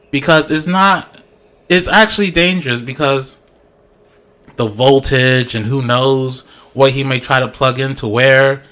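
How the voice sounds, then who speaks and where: Animated, joking male vlogger. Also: fairly high pitch. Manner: animated, joking, laughs often. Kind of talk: casual commentary on a reality show.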